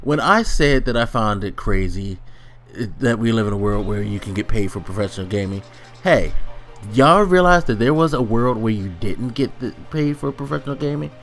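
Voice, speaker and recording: A man's voice: mid-range voice, animated, normal speed, a bit bright. A middle-aged man giving a casual, slangy back-in-my-day old-man rant to his online viewers, grumbling and exasperated. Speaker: online video ranter. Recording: music playing under the voice. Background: background music.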